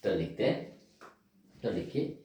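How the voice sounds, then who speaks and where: A male physics teacher giving a classroom lecture, animated and constantly addressing his students, repeating key terms as he writes them out. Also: low-pitched, a little slow, a little hiss or hum. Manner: animated, calls out to students often, repeats terms while writing. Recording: loud echo, from far off.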